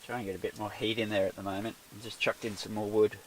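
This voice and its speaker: A man's voice: lowish voice, level tone, fast, a little hiss or hum. A man, chatting casually to the camera inside a small tent with a wood stove and rambling in self-deprecating asides. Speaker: outdoor vlogger. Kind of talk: casual solo vlog commentary.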